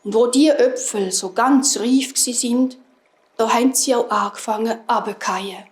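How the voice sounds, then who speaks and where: Storyteller, woman, Swiss German accent, high voice, gentle fairy-tale telling, roomy echo. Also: normal speed. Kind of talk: fairy tale told to children.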